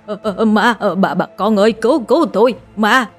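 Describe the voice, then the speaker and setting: A woman doing a gruff old village drunk. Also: mid-range voice, fairly quick, soft background music, natural voice. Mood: panicked. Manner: gruff, cursing, then panicked stammering.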